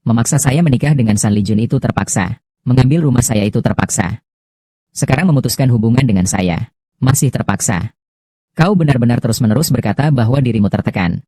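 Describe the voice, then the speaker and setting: A man's voice: medium pitch, brisk, dark tone, dry recording, clean studio sound, close to an everyday voice. Man voicing a bitter wronged young woman. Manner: bitter, accusing.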